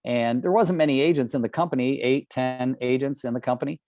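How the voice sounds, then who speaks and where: This is a man in his sixties from California, delivering a motivational training talk in an earnest, emphatic way. He keeps checking in with his listeners through rhetorical questions. His voice sits at an ordinary pitch in a dry recording with no room echo. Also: fairly even intonation, brisk, a little mellow. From California, United States. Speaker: real estate trainer.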